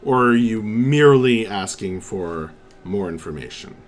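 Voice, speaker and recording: A man's voice: fairly low pitch, animated, measured pace. A man running a tabletop game as game master, asking clarifying questions.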